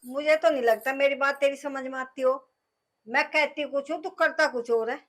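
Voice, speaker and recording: A woman's voice: sits high, fairly even intonation, normal speed, lightly acted. An actress playing a nagging village mother-in-law with a Haryanvi accent, scolding her son.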